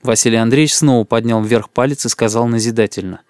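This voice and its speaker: A man narrates an audiobook in a wry, even storytelling manner. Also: mid-range voice, quick pace, dry recording, studio quality. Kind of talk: audiobook reading.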